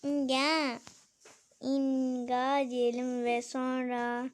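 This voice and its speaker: A woman's voice: sits high, monotone, extremely slow. A young woman chatting to her viewers while she plays a game, fretting and exclaiming as she goes. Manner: chatty, addresses viewers, exclaims and frets aloud. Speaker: gaming vlogger. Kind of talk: casual game commentary.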